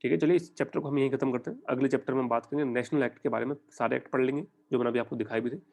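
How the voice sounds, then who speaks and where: A young Indian man giving a conversational exam-prep lecture, often putting quick questions to his students. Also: mid-range voice, steady tone, creaky, darkish tone. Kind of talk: online lecture in mixed Hindi and English.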